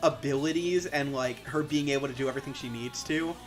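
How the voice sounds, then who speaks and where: A woman's voice: a bass voice, soft background music. A woman leading a casual debate chat, reading out points and keeping things moving. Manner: brisk, moves things along.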